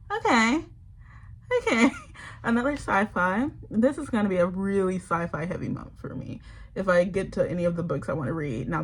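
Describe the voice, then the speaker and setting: A woman's voice: mid-range voice, low-quality recording. A young woman talking casually about books to the camera, with lots of fillers, sometimes reading passages aloud. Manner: chatty, many fillers, reads passages aloud. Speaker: book vlogger. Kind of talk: casual chat.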